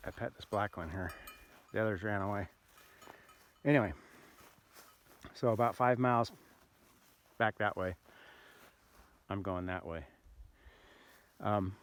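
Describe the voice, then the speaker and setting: An older man telling a rambling, easygoing story outdoors on a remote mountain road, with many pauses and "uh"s. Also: lowish voice, slight background noise. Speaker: bikepacker vlogger. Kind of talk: casual outdoor vlog narration.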